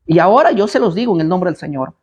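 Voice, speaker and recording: A man's voice: high-pitched, expressive, fast, darkish tone, breathy edge, lo-fi sound. A man preaching at a live Bible study, combative and blunt, firing rhetorical questions at his listeners.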